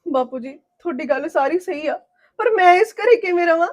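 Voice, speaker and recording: An actress playing a young wife betrayed by her husband, tearful and pleading, sharp-tongued with him. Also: very high voice, expressive, fairly quick. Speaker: wronged first wife.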